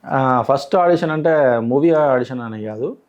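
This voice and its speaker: A man's voice: medium pitch, unhurried, highs cut off. A man, an interview guest boastfully recounting his auditions. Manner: boastful, insistent storytelling. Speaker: interview guest, aspiring actor. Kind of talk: casual interview.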